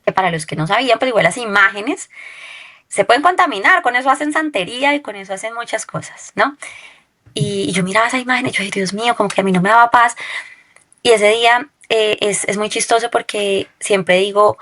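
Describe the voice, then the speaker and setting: A woman's voice: on the high side, a little fast, fairly bright tone. A woman telling a personal testimony as a guest, often checking in with her listener with a questioning tag.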